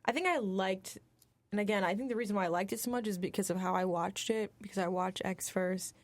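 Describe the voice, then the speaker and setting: A woman's voice: mid-range voice, fairly quick. A young woman co-hosting a college radio film show, chatting animatedly and acting out her reactions. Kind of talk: casual film review chat.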